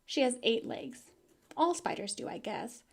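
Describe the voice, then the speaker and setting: A woman's voice: fairly high pitch, animated, slightly rough, pitched above the performer's own voice, heavily acted. A woman reading as an eager chatty farm girl. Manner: eager, rushing on with her story.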